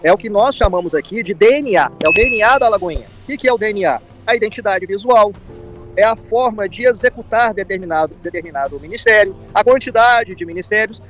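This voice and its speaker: A man's voice: sits high, low-quality recording. A man with a Brazilian accent giving commentary in an interview as a pastor, explaining with repetition and frequent tag questions. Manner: explanatory, repeats himself, seeks agreement with tag questions.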